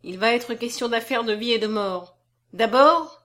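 A woman's voice: on the high side, moderate pace, natural voice. A confident young man who teases and lectures by turns, read by a woman. His tone sits between mockery and solemnity. It is a storybook part, close to the reader's own voice. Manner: lively, half mocking, half solemn. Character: young man, confident, teasing, self-assured suitor. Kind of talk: audiobook character voice.

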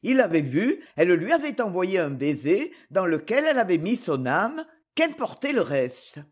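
A narrator giving an expressive, lyrical audiobook reading. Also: mid-range voice, moderate pace, breathy edge.

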